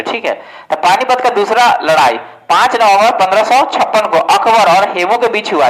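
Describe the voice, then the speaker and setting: A man's voice: high-pitched, a bit bright, poor audio. A man giving a casual exam-prep history lesson, asking questions and answering them himself. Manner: asks questions and answers them himself, often says "ठीक है". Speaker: exam coaching teacher.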